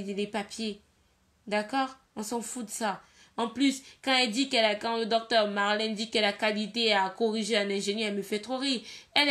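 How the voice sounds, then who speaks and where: A woman's voice: fairly high pitch, fairly bright tone. A young woman from Cameroon talking bluntly and emphatically on a casual live video, often repeating her points. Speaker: livestreamer giving her opinion.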